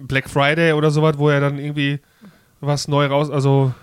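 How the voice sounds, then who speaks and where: A man's voice: a little high, completely flat delivery, brisk, smooth, no room sound. A young man hosting a podcast in casual chat, asking questions and making jokey asides to the listeners. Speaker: podcast host.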